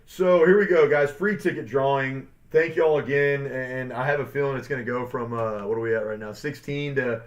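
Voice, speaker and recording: A man's voice: mid-range voice, moderate pace, few pauses. A man co-hosting a sports podcast in casual chat, rambling with lots of fillers and upbeat hype. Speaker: podcast co-host. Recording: dull lo-fi sound.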